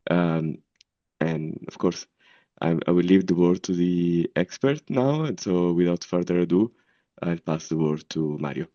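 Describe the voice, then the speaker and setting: Deep-voiced man introducing a webinar speaker. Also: measured pace, warm tone, no echo, dull audio. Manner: polite, self-deprecating, with fillers. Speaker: webinar moderator.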